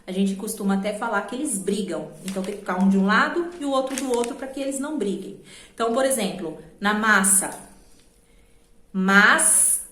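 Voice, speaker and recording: A woman with a Brazilian Portuguese accent teaching a children's grammar lesson, patiently slowing down to spell out letters and syllables. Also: medium pitch, expressive, a bit bright, slight background noise. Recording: echoey room.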